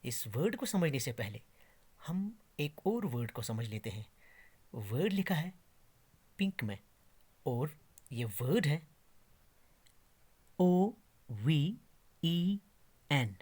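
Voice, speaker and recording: A man giving a slow, deliberate English pronunciation lesson, drawing out each word as he demonstrates. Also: mid-range voice, very animated, a little mellow, breathy edge. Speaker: English teacher. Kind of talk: classroom lesson.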